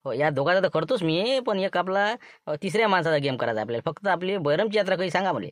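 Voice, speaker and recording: A man's voice: high-pitched, animated, fast, dry recording, clean studio sound. A man with a Varhadi Marathi accent playing a boastful schemer in a comic sketch, rambling about his plans. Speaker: scheming villager in a comedy skit.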